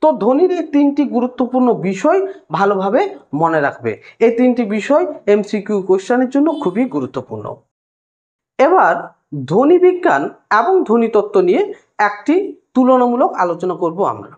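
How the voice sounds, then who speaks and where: High, lively woman tutor, lo-fi sound. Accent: West Bengal Bengali. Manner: explains step by step, addresses students directly; sounds out single sounds slowly. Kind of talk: recorded lesson lecture.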